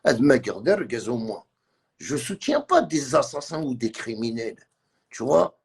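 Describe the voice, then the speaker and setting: Man, livestream rant, agitated, repetitive, gravelly husky voice, lively pitch. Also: a little slow. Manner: agitated, repetitive, mixes French with Arabic and Kabyle. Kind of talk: heated live-stream rant.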